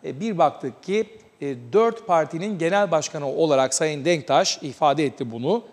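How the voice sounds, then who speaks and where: A man hosting a TV talk show, giving news commentary with a measured delivery and many hesitant filler sounds. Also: on the high side, in a large hall.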